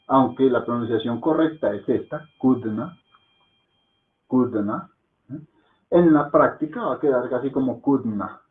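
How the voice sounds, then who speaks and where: A man leads an online class, explaining patiently and pausing to ask whether everyone follows. His voice sits at a middling pitch, and it comes through a narrow, tinny line that sounds like a phone call. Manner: patient, explains slowly and checks understanding with frequent "¿sí?". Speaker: Hindi teacher.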